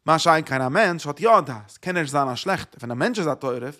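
A man teaching a religious lesson, explaining in loose, repeated phrases with rhetorical questions and many hesitant pauses. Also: on the high side, lively intonation, pushed and bright. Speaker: Torah teacher. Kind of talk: religious lecture.

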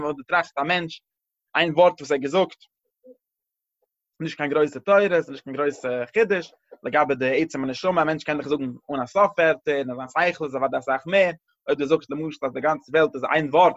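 A man teaching a Torah class in a slightly higher-than-usual voice, thinking aloud and restarting phrases as he explains. The sound is dry and close, with no room echo. The recording itself is a bit dull and muffled. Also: fairly bright tone. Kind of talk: religious class lecture.

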